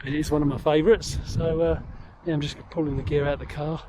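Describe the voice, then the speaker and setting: A man vlogging outdoors by a lake, a little out of breath, talking in a halting way with many ums and uhs. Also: a little high, little pitch movement, warm tone, slight background noise. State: slightly out of breath. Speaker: angler vlogger. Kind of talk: casual outdoor vlog commentary.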